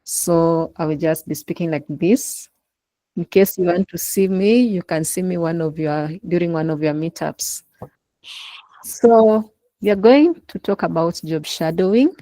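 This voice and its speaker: A woman's voice: on the low side, measured pace, dark tone, no room sound, low-quality recording. A woman leading an online class session over a laptop call, encouraging her listeners to take part. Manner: encouraging, prompting participation. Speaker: instructor. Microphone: laptop in a video call.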